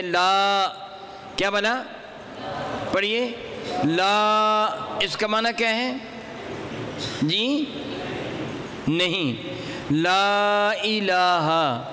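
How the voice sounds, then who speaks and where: Male Quran teacher, high bright voice, chants examples and quizzes class, echoey hall. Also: a little hiss or hum. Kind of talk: classroom religious lesson on recitation.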